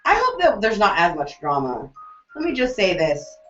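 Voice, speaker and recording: A woman co-hosting a casual TV recap chat, animated, jokey and opinionated. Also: mid-range voice, moderate pace, faint music behind. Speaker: co-host. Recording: roomy, dull lo-fi recording.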